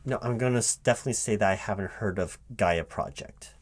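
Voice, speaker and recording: Speaking fast in a lowish voice, a man lightly acts the part of a polite but flustered recruiting manager in a one-sided ASMR interview roleplay. He sounds bemused and questioning, stumbling, repeating himself and asking puzzled questions, while a keyboard clatters and a faint hiss or hum lingers.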